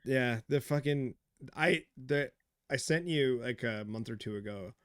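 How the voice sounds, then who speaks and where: Male podcast co-host, playful storyteller, mid-pitched, dry studio sound. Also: measured pace, no echo. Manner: animated storyteller, joking, does silly voices. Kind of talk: casual chat.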